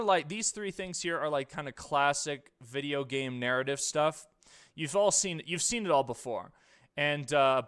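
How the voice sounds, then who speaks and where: A man, an indie game developer, giving a casual slide lecture on game design in loose, excited talk with lots of filler words. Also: medium pitch, clear, resonant tone.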